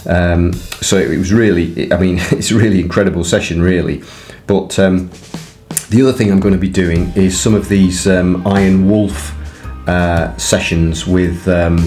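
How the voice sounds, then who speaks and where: A man's voice: low voice, a little mellow. A man talking casually and unscripted to viewers as a fitness vlogger, in a hesitant, rambling way full of fillers. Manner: hesitant, rambling delivery with frequent filler words.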